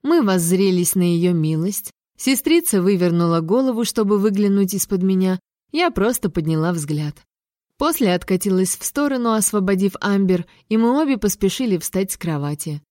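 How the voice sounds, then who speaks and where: Brief: woman narrator, warm mellow tone, dry close sound, measured storytelling. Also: mid-range voice, animated, dry recording. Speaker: audiobook narrator. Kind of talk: audiobook narration.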